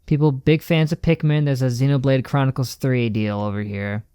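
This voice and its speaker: A man's voice: mid-range voice, steady tone, normal speed, mellow, clear, resonant tone, dry recording, clean studio sound. A man streaming a casual, ranting reaction commentary, with an emphatic, slangy way of talking. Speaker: streamer reacting to a game showcase.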